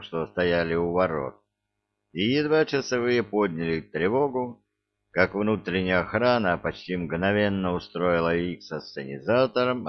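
Very low-voiced male audiobook narrator. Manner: wry, with ironic asides to the listener. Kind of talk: scripted narration of an action novel. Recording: dull lo-fi recording.

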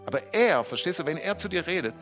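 A male pastor leading a charismatic sermon with prayer in a church, swinging between loud exclamations and soft, murmured prayer. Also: a little high, expressive, fast, soft background music. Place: church hall, also streamed live.

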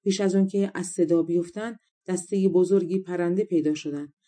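Woman reading a fairy tale audiobook, very dark mellow voice, calm and even. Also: lowish voice. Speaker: audiobook narrator. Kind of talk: storybook narration.

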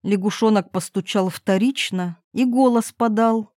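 A woman narrating a fairy tale in a slow, measured storytelling manner. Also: medium pitch, a little mellow, no room sound, studio quality.

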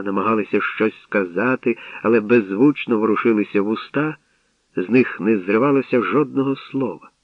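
A man reading a mythic story aloud as an audiobook narrator, in steady, measured scripted narration. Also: lowish voice, dry recording. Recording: dull lo-fi dry recording.

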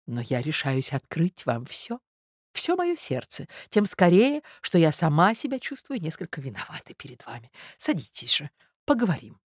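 A woman reading aloud and voicing a scheming society lady who speaks in a painfully soft, reproachful voice. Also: deep voice, animated, measured pace, dry recording, studio quality. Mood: softly sly.

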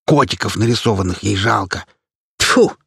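A man's voice: mid-range voice, animated, moderate pace, husky, no echo, studio quality, voice pushed up. A man voicing a feisty, blunt old grandmother who scolds in folksy words. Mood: gruff scolding.

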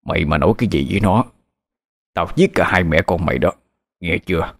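A man's voice: sits low, moderate pace, faint music behind, natural voice. A man voicing a vengeful dog spirit that has possessed an old husband, hissing threats. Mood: menacing. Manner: menacing, hissing threats through teeth.

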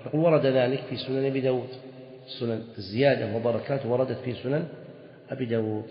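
A man's voice: medium pitch, fairly even intonation, fast. A man teaching Islamic jurisprudence in a classroom lecture, explaining a text, repeating key phrases and putting questions to his students. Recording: echoey hall, dull lo-fi sound.

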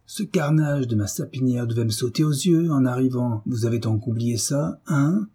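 In a mid-range voice with a breathy edge, a man speaks at a moderate pace while portraying a brutish, hot-tempered middle-aged landowner for an audiobook. The character reading is furious, full of blustering, cursing and shouting.

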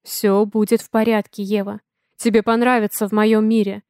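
A woman voicing a calm, protective male alien pilot in an audiobook, speaking in a steady, reassuring way. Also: medium pitch, moderate pace, clean tone, dry recording, studio quality, close to an everyday voice. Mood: calm, gentle. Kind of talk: audiobook character voice.

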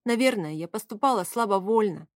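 A woman's voice: medium pitch, animated, brisk, no echo. A woman narrating a first-person novel in an audiobook, reading with emotional expression at a close mic.

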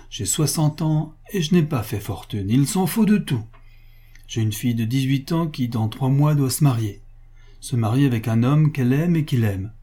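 An older coal merchant in his sixties pleads for his daughter's sake, voiced by a man reading a storybook. He talks earnestly and presses hard, his tone mellow and slightly husky. The pitch climbs above the plain narration. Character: worried sixty-year-old coal merchant, pleading father.

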